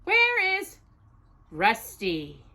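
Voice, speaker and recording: With a very high-pitched voice, a storytime host reads a picture book to a young child, her delivery expressive and deliberate.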